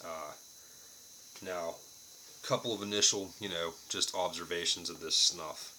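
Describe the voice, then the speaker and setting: Deep, bright-voiced man reviewing casually. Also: steady tone, unhurried, slight background noise, rough recording. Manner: plain-spoken, casually profane. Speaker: product reviewer. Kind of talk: casual unscripted review to camera.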